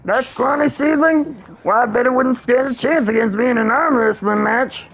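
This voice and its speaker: A boastful plant monster bent on having rivals, as a man reads it aloud. The voice sits high with a gravelly edge and a grand, theatrical delivery. Soft music plays behind. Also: normal speed, full character voice, low-quality recording. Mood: pompous. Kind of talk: reading a dating game aloud.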